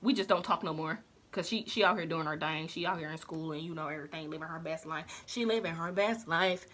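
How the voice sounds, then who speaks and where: A young woman vlogger telling a slangy, animated storytime while doing her makeup. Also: low-pitched, fairly quick. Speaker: beauty vlogger.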